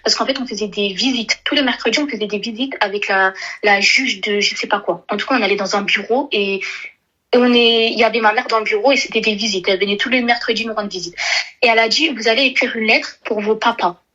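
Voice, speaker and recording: A woman's voice: mid-range voice, fast talker, pushed and bright, highs cut off. A young woman calling in, telling a personal story in a rambling, hesitant way with many restarts. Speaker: caller. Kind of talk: emotional phone-in confession.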